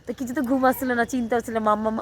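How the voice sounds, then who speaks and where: A young woman with a hoarse voice, chatting to her viewers in a rambling vlog. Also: on the high side, steady tone, rapid-fire. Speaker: vlogger. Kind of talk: casual vlog narration to camera.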